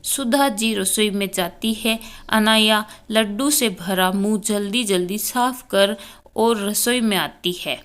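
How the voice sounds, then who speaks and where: A woman's voice: medium pitch, a bit bright. A woman reading a family story aloud as narrator, announcing each character by name before their lines. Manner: unhurried storytelling delivery, voicing each character by name cue.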